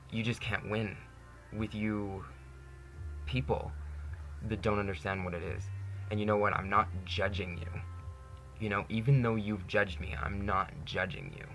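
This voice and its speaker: Young male vlogger, deep voice with heavy fry, earnest and candid, faint hiss behind. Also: a bit bright. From Canada. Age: 20s. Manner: earnest, candid, says "you know" constantly, laughs often. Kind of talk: personal monologue to camera.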